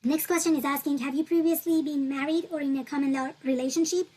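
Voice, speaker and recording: In a screen-recorded walkthrough, a high-voiced woman, a native Turkish speaker, patiently explains an online form one step at a time at a quick pace. Her instructional style is calm and repetitive, with her points restated and padded with fillers.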